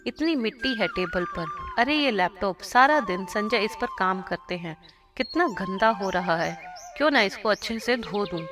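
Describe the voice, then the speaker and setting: An innocent, literal-minded young daughter-in-law, as a woman narrator puts her on for a cartoon storybook. She asks earnest, simple questions, and loud music plays under the voice. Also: mid-range voice, expressive, moderate pace, natural voice.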